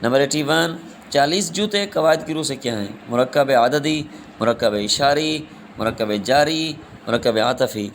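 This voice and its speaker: A man's voice: mid-range voice, a little hiss or hum. A man teaching a class, reading exam questions and their options aloud, then giving the right answer and calling his students "beta".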